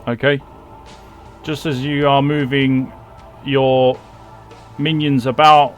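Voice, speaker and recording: A man's voice: medium pitch, level tone, slow. A man running a tabletop game as game master, narrating in a hesitant way as if thinking aloud. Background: music.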